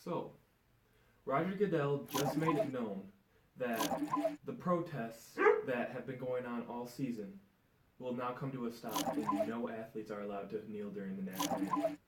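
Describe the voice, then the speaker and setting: A man plays a sports news anchor in a homemade skit, casual and plain. The recording is distant and echoey, with loud background noise. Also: mid-range voice, steady tone, moderate pace, lightly acted. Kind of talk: amateur skit newscast.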